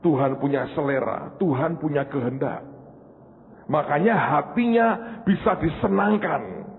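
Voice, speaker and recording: A man preaching a sermon in a high, very expressive voice that swings between loud and hushed. He sounds far off in a large echoing hall. The sound comes through a thin, phone-like line. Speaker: pastor. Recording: echoey hall on a tinny line.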